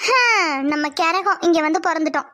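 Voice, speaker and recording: A woman's voice: very high voice, lively intonation, moderate pace, pushed and bright, exaggerated voice. A woman voicing a lazy, cheeky young daughter in a Tamil cartoon who grumbles and talks back. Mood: grumbling.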